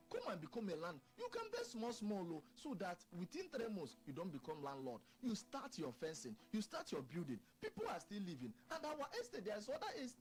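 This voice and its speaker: A woman with a Nigerian Pidgin accent giving a persuasive, emphatic radio sales pitch, repeating herself to press the point. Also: darkish tone. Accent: Nigerian Pidgin, Port Harcourt area. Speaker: estate sales presenter.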